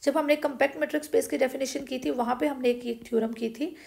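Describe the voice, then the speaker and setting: A woman's voice: sits high, steady tone, fast talker, gravelly, darkish tone. A woman explaining a math proof step by step, repeating each point and checking that listeners follow. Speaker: math teacher. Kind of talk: blackboard math lecture.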